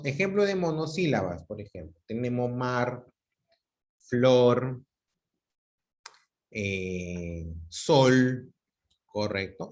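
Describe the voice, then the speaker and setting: Guy teaching a zoom class, goes slow and repeats stuff, keeps asking if it's clear. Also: mid-range voice. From Peru. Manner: patient, repeats examples and checks understanding. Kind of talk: online class lecture. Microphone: video call.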